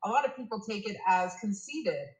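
A woman's voice: medium pitch, expressive, brisk, a crowd in the background. Toronto-raised woman guest, emphatic, keeps repeating herself, roomy echo. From Toronto, Canada. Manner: earnest, emphatic, repeats phrases. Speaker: podcast guest. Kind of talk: casual interview talk.

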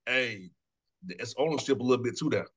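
A man in his thirties hosts a sports radio interview in a loose, chatty way. He talks quickly, doubles up on words and breaks into laughs, with a voice in an ordinary middle pitch. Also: lively intonation, a bit bright, husky. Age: 30s. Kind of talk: casual sports talk interview.

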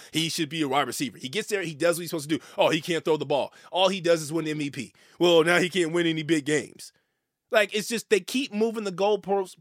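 High-voiced guy ranting sports takes, gets worked up and stammers, dead dry mic. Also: fairly bright tone, dry recording. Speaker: sports show host. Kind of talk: opinionated sports commentary.

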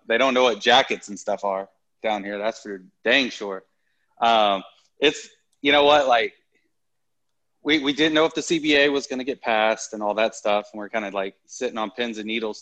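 A man's voice: fairly low pitch, fairly even intonation, moderate pace, fairly bright tone. A man chatting casually as a podcast co-host in a folksy, informal way. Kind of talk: casual chat.

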